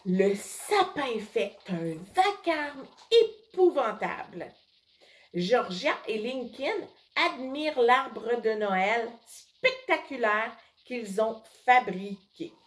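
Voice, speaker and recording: A woman reading a children's story aloud in an expressive, unhurried way. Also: a little high. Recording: echoey room.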